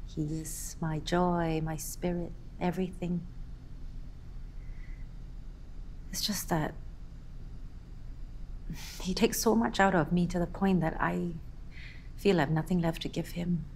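A woman's voice: lowish voice, steady tone, measured pace, pauses often, a little mellow, a little hiss or hum, low-quality recording. A woman playing a weary, frustrated middle-aged mother looking for work, blunt and frank, in a naturalistic drama. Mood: weary, downcast. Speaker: job seeker. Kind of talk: naturalistic screen drama acting.

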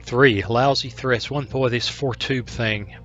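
Brief: chatty male gaming host, mid-pitch, slightly muffled recording, soft music under. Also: slow pace. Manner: chatty, folksy, thinks aloud. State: clearing his throat, a bit coughy. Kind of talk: casual gameplay commentary.

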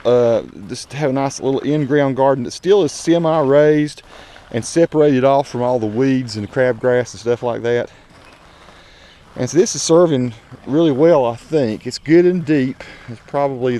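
A man with a medium-pitched, darkish voice leads a folksy, unscripted garden tour of his own home, talking conversationally like a casual vlogger. He's walking outdoors with an action camera, whose mic also catches slight background noise.

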